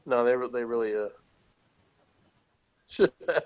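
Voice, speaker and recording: A man with a mid-range voice speaks slowly while hosting a casual episode review. Sarcasm and frequent chuckles color his delivery as he reads from his notes. The audio is lo-fi and dull.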